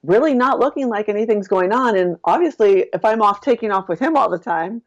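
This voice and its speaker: A woman business coach, a podcast guest, telling a personal story in a casual, lively way with lots of "like" and "I'm like". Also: a little fast. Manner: lively storyteller who acts out her own past lines with big jumps in pitch. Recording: dull lo-fi podcast audio.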